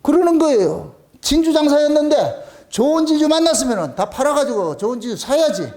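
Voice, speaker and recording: Male pastor, Gyeongsang accent, high lively delivery, folksy rhetorical sermon. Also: a little fast. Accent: Gyeongsang dialect. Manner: animated, colloquial preaching full of rhetorical questions.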